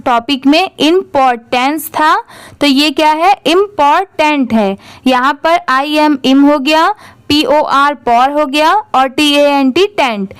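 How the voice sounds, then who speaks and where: A woman teaches English reading in a classroom-style phonics lesson, spelling words letter by letter and asking questions she then answers herself. Her voice is high and her pace slow.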